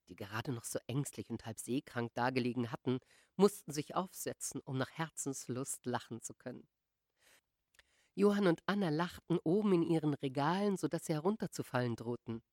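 Female audiobook narrator, measured literary reading, dry close studio sound. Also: extremely low pitch, no echo. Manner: measured, expressive storytelling. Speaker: audiobook reader.

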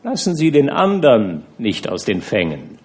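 A worldly aristocrat who talks with soft, amused condescension, as a male audiobook reader voices him. He sounds unhurried and sure of himself. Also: mid-range voice, wildly swooping pitch. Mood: mocking. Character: worldly, mocking older aristocrat man.

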